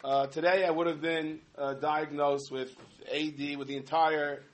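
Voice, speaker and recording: A man giving a humorous sermon, telling stories in an animated way with many asides. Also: on the high side, moderate pace. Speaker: rabbi giving a talk.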